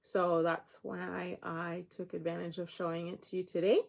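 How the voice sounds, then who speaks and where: A woman in her thirties from Nova Scotia, chatting through a show-and-tell of her crafts. Her voice sits low with a gravelly, fry-tinged edge. She rambles a little and laughs at herself as she goes. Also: little pitch movement, moderate pace, slight background noise. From Nova Scotia, Canada. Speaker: craft podcast host. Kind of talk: casual show-and-tell chat.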